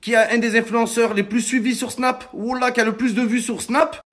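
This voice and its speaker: A man with a notably high voice rants to his followers. He talks emphatically, swears a lot and addresses his audience as friends and brothers. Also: flat delivery, normal speed, fairly bright tone. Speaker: social media personality. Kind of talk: animated storytime rant to followers.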